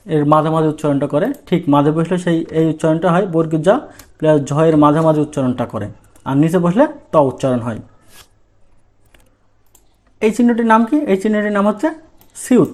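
In this Bengali lesson, a Bangladeshi man teaching language poses questions and answers them on his own. He speaks with a voice that sits high and has a darkish tone.

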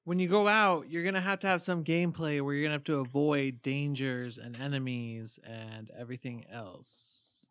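A man co-hosting a casual podcast, tossing in quick, offhand remarks. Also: medium pitch, steady tone, fairly bright tone, clear, resonant tone, dry recording. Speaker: podcast co-host.

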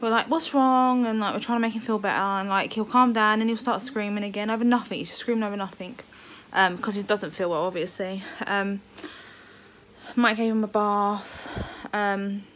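A woman's voice: mid-range voice, fairly even intonation, moderate pace, fairly bright tone. A pregnant woman, chatting casually to camera in a family vlog, hesitant and full of ums. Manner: rambling, hesitant, lots of ums. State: heavily pregnant, uncomfortable. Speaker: vlogger. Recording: faint background noise.

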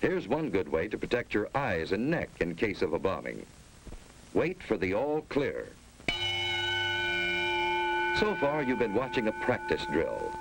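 A man's voice: lowish voice, huge pitch swings, moderate pace, creaky. An American man giving grave, authoritative narration for a 1950s civil defense instructional film. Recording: noisy old 1950s film soundtrack.

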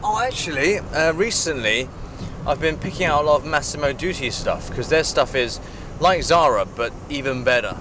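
A man's voice: fairly high pitch, expressive, moderate pace. Easygoing man, thirties, casual vlog banter from a convertible; street noise behind. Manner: easygoing, joking. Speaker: vlog co-host. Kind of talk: casual chat. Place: open-top car outdoors on city streets. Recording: traffic and wind noise.

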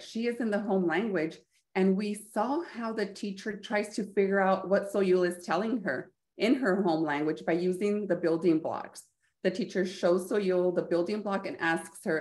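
A woman leads an instructional webinar for educators, speaking in a fairly low voice. Her explanations are measured and clear, dotted with the odd filler um. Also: a little mellow.

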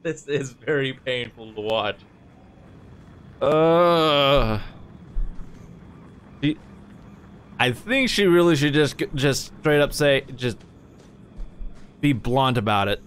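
A man's voice: medium pitch, animated, slow, pauses often, fairly bright tone, a little hiss or hum. A man casually commenting while playing a video game, chatty and amused. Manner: chatty, amused, reacts aloud. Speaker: gaming let's-play host.

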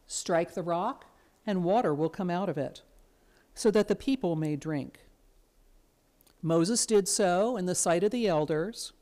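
A woman serving as lector, giving a formal scripture reading in a church in a measured, even way. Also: on the low side.

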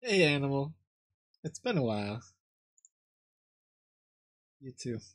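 Young guy streaming, low-key casual muttering, close dry mic. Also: sing-song, takes it slowly, no echo. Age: young adult. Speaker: live streamer. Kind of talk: casual livestream chat. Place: small room at home.

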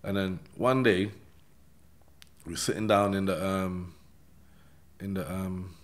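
This London man has a low, steady voice and takes his time. He's a podcast guest casually recounting his own life in streetwise slang, frequently dropping quick tags such as "yeah?" to check in with the listener.

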